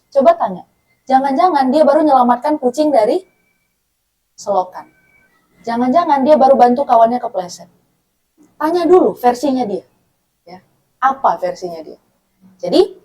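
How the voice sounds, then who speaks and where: A woman's voice: a little high, darkish tone. A woman from North Sumatra giving a conversational religious talk to women, often checking in with her listeners and acting out dialogue. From North Sumatra, Batak. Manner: acts out dialogue, laughs often. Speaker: Islamic women's study speaker.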